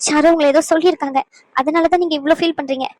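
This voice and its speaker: A woman's voice: high-pitched, steady tone, very fast, dry recording, natural voice. A woman voicing a worried, stubborn young pregnant wife in a cartoon, pleading and pressing with questions. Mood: insistent. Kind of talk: cartoon voice acting.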